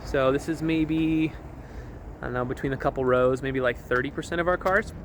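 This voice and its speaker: A young man casually walking through a vehicle at a car dealership, with an easygoing manner, frequent laughs and quick asides. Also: medium pitch, a little hiss or hum.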